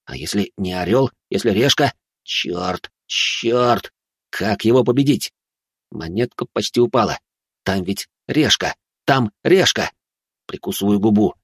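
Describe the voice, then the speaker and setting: A man reads a first-person story in a tense, dramatic manner. His voice is low and husky. The sound is dry and close to the mic. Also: moderate pace, no echo. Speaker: narrator.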